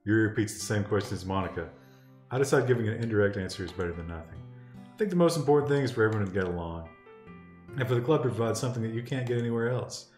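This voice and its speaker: A man's voice: on the low side, lively intonation, racing, darkish tone. A man narrating a visual novel game as he plays, in a casual reading style. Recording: roomy sound, music behind.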